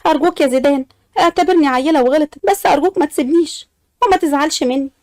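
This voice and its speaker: A woman's voice: high-pitched, racing, a little mellow, no room sound, clean studio sound. A woman voicing a young wife with an Egyptian accent who speaks in a pleading, coaxing way.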